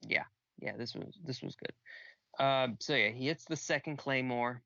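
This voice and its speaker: A man's voice: medium pitch, unhurried, gravelly, bright, forceful tone, no echo, dull audio. A man co-hosting a podcast, chatting casually and rambling with lots of fillers. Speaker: podcast co-host. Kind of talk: casual chat about wrestling.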